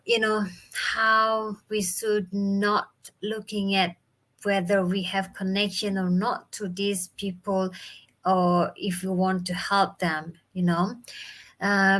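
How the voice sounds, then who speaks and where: A woman's voice: mid-range voice, a bit bright. A woman from Bali in her thirties with an Indonesian accent, chatting casually on a live stream from home, English not her first language, with many fillers. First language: Balinese or Indonesian, not English. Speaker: livestream host and business mentor. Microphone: phone or webcam live stream.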